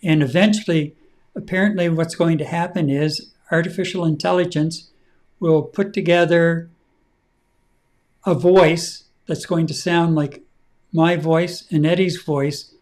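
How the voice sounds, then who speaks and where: Slow-talking man hosting a chat show. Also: fairly high pitch. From Canada. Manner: relaxed, rambling with fillers. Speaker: podcast co-host. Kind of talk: casual chat.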